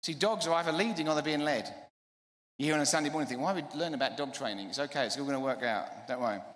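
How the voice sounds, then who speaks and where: A middle-aged man preaches with emphatic, rapid-fire energy, stacking repeated phrases. His voice sits a touch high. It rings through a roomy church hall with a long tail of reverb. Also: fairly bright tone. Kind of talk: sermon.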